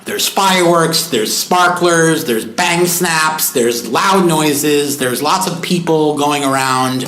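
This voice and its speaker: A man's voice: on the high side, a bit bright. A man co-hosting a pet podcast with a playful, self-deprecating sense of humor, asking questions between jokes. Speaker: podcast co-host. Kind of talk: casual podcast chat. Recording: roomy echoey podcast recording.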